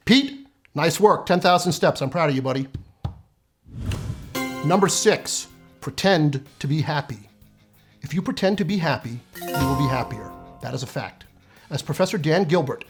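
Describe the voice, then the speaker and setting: A man's voice: a little high, husky. A man in his fifties delivering a scripted comedic monologue, sardonic and profane, with punchy timing. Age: 50s. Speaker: comedic essayist.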